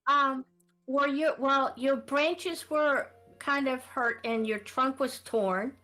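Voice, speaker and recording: A woman's voice: high voice, steady tone, takes it slowly, bright, forceful tone. A woman playing in a tabletop game, polite and hesitant, with many fillers. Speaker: player. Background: faint background music.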